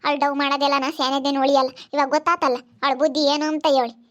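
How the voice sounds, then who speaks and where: A woman acting as a village aunt handing out moral lessons in a homemade village drama. Her voice is high and stays flat, and she lectures in a steady, preachy way. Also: fast talker, muffled recording. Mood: lecturing. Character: older village aunt who gives moral advice.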